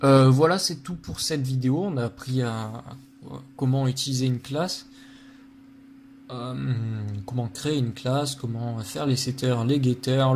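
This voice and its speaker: A programming tutor with a slightly mellow mid-range voice runs a casual lesson from his computer. He thinks out loud, uses lots of fillers, and makes fun of his own blunders, with a bit of background noise present.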